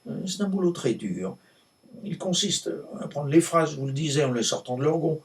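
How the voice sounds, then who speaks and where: A world-weary, cantankerous male novelist, played by a man on stage holds forth in a creaky voice. The delivery is hammy and theatrical, halting and repeating itself before leaning hard on key words. The microphone sits some distance away. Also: on the high side, lively intonation. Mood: weary, insistent. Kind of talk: theatrical monologue performed in a conversational ramble.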